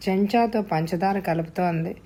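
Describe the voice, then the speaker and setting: A woman's voice: medium pitch, moderate pace, mellow. A woman narrating an audio novel, voicing the dialogue with feeling. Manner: voices dialogue with rising emotion.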